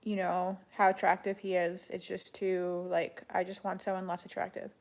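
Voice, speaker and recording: A woman chatting casually on a livestream as she answers viewers, speaking in a flat monotone with a creaky voice. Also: lowish voice, normal speed. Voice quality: creaky vocal fry. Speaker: live streamer answering chat.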